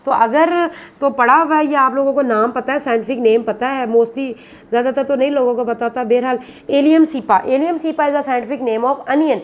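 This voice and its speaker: High-voiced woman teaching biology. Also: normal speed. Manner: repetitive, explanatory, calls students "beta". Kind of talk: classroom lecture.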